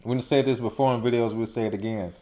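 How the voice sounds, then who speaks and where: A man's voice: mid-range voice, steady tone, fast, warm tone. A young man in his late twenties talks through advice in a loose, conversational way. He slips into quoted voices to act out everyday remarks as he makes his points. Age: 20s. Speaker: vlog co-host. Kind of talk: casual advice chat.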